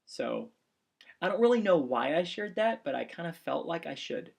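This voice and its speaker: A forty-something man with a gravelly, husky voice, giving a casual class announcement. He talks in an earnest, rambling way, restarting sentences and filling pauses with fillers. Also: on the high side, sing-song, a little mellow. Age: 40s. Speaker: instructor and pastor. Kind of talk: casual course announcement video.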